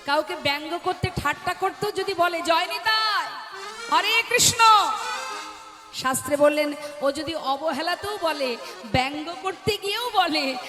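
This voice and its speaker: A woman preaching a devotional sermon to a gathering, in a sing-song way, often asking her listeners questions and calling out to them. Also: high voice. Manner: sing-song preaching, asks the audience questions, calls out "hari bol". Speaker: kirtan preacher. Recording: echoey hall with music.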